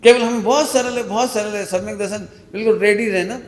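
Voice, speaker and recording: A man preaching a sermon to a live audience. He speaks emphatically, repeats key words slowly and asks his listeners questions. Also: high voice, fairly even intonation. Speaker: Jain preacher. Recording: echoey hall.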